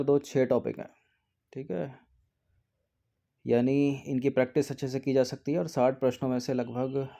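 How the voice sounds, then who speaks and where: Speaking in a warm, medium-pitched voice, an exam prep teacher reviews the answers to a practice test from a test series. Each answer gets a steady explanation, and he repeats words as he checks them.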